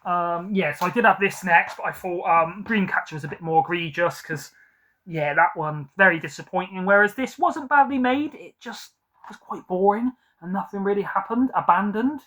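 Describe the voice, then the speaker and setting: A man's voice: sits high, lively intonation, moderate pace, sharp tone. Rambling man talking films. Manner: rambling, hesitant, many ums and self-corrections. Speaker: film collector vlogger. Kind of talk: casual film ranking chat. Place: at home beside his film collection.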